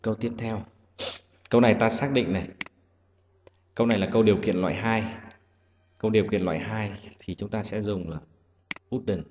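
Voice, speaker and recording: A man's voice: on the low side, fairly even intonation, fairly quick, pauses often, dull audio. A man teaching an exam-prep English lesson, explaining each answer patiently, step by step. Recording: echoey room with loud hiss.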